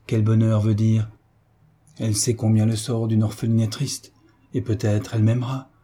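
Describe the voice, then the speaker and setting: A man reading an audiobook voices a gracious young duchess with gentle, affectionate questions, pitched higher than his narration. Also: monotone, normal speed, husky. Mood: tender.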